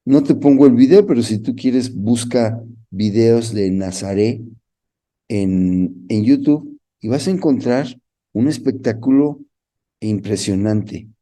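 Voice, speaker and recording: A man's voice: medium pitch, slow, dark tone. A man with a Mexican Spanish accent gives a Bible lesson, reading scripture aloud and asking the listener questions. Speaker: Bible course teacher. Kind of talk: Bible teaching talk.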